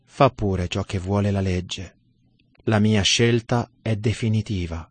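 A man reading the lines of a humble old bishop martyr, speaking low, soft and steady. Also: a little slow. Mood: calm, resolute.

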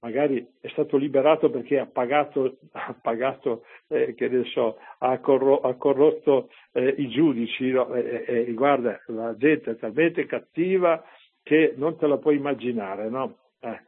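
A man's voice: medium pitch, normal speed, slightly rough. A man who is a priest, preaching a homily in a conversational way and often turning to his listeners with rhetorical asides. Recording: tinny lo-fi radio broadcast.

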